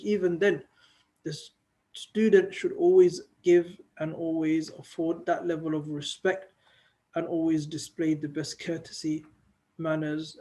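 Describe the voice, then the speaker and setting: A man teaching a religious class, reading passages of classical Arabic quickly and explaining them in English with pauses and fillers. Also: fairly high pitch, dark tone. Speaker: Islamic teacher. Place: Islamic centre.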